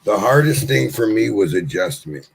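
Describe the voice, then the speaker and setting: A man's voice: lowish voice, expressive, moderate pace, gravelly, husky, poor audio. A man in his late forties hosting a casual interview, laid-back and encouraging, with frequent swearing. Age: 40s. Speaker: podcast host interviewing. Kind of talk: casual chat.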